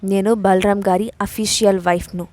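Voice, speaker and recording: A woman's voice: medium pitch, fairly even intonation, normal speed, warm tone, dry recording, lightly acted. A woman reading the part of an arrogant, scheming older woman in an audio story, speaking angrily and boastfully. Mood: furious. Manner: angry, boastful.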